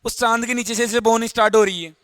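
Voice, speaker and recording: A man's voice: very high voice, fairly even intonation, fast, a bit bright, no echo. A man teaching a biology class in a Hindi lecture, explaining step by step, repeating key terms and asking students questions. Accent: Rajasthani Hindi.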